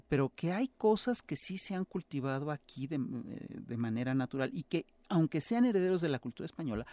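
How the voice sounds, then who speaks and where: A man with a Mexican accent talks as an interview guest, lecturing at length and pausing often on filler sounds. His voice sits a bit high for a man. The sound is close and dry, with no room around it. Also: darkish tone, dry recording. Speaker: guest expert on Mexican humor and cinema. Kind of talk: explanatory interview talk.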